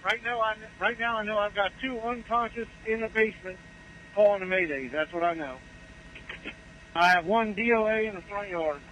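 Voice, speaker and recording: A man's voice: high-pitched, normal speed, a bit bright, muffled recording. A man working as an emergency responder, talking in radio traffic over a two-way radio. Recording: faintly noisy emergency radio channel.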